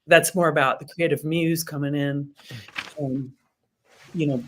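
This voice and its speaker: A woman who is a singer-songwriter and the guest on a podcast, chatting in a relaxed, easygoing way. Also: sits low, unhurried, slight background noise. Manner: relaxed, chatty, laughs easily. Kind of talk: casual interview conversation.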